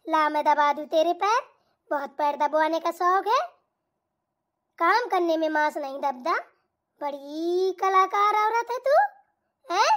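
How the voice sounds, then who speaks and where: Woman doing a shrill scolding old mother-in-law. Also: lively intonation, unhurried, long pauses, fairly bright tone, heavily acted. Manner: nagging, insulting, tag questions. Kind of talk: cartoon voice acting.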